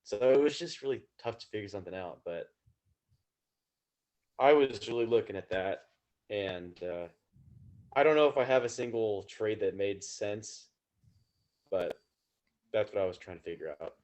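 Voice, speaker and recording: A young man with a low voice talks on a casual sports podcast. He thinks aloud hesitantly, trailing off and apologizing for rambling. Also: moderate pace, long pauses, a little mellow. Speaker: podcast co-host.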